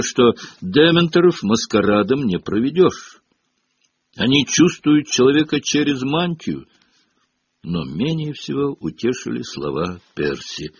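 Male storyteller, very animated pitch, husky, slightly muffled recording. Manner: expressive storytelling. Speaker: audiobook narrator. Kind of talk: audiobook reading. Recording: dull lo-fi audio.

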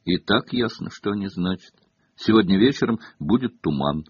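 A man voicing a wry teenage schoolboy who mumbles his jokes in a low, deadpan way. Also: moderate pace, breathy edge, dry recording. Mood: deadpan joking. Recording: dull lo-fi cassette audio.

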